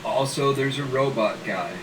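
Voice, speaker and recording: A man's voice: mid-range voice, moderate pace. A man chatting casually and jokingly as a player in a tabletop game. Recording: roomy, distant mic, faint noise.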